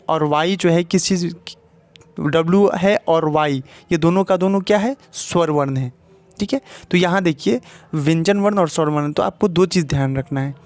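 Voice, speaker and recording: A male teacher with a Hindi accent walks the viewer through a spoken English lesson at a board. His voice sits fairly high, and he keeps checking in and asking questions as he explains. The sound is dry and close, with no room echo. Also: a little mellow. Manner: explains step by step, often adds "ठीक है" and asks questions to the viewer.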